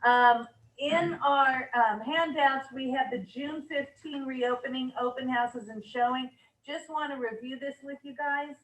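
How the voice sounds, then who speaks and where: Woman presenter, upbeat and chatty, a bit hoarse, higher voice, roomy distant mic. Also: fairly even intonation, unhurried, a bit bright. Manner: upbeat, reads rules aloud with asides and fillers. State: losing her voice. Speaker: managing broker leading an office meeting. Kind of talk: office meeting presentation.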